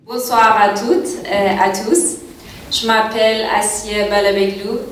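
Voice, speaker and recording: A woman reads a prepared self-introduction slowly and carefully, in a flat, even tone. She sounds distant, in a very echoey room, with faint background noise. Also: mid-range voice. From Iran. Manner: slow, careful, even delivery.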